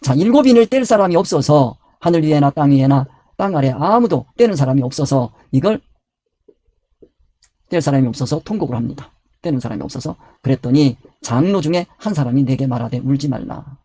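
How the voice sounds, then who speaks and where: A man's voice: a little high, dark tone. A man preaching a Bible study sermon. He asks questions and answers them himself, and he repeats his key words. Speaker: pastor.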